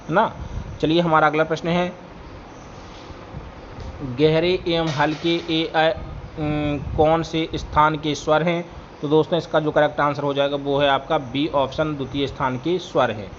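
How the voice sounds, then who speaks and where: A man's voice: on the high side, fairly bright tone, muffled recording, a little hiss or hum. A man, teaching an online stenography class, who reads out quiz questions and tells viewers the correct answer. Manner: addresses viewers as friends, repeats "correct answer" phrasing. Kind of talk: online quiz lesson going through answers.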